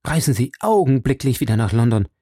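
A man voicing a young woman who gives urgent, hurried warnings on a lonely moor. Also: mid-range voice, big pitch swings, mellow, husky, dry recording, studio quality.

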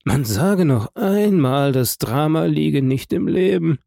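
A man voicing an ironic male society gentleman in an audiobook, emphatic and wry. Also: fairly high pitch, lively intonation, takes it slowly, gravelly, no room sound, voice pushed up, full character voice.

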